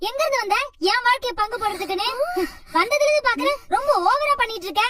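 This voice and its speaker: A woman playing a loud, melodramatic wife who wails and scolds. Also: very high-pitched, lively intonation, fast. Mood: scolding. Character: wailing wronged wife, dramatic and loud. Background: loud children's music.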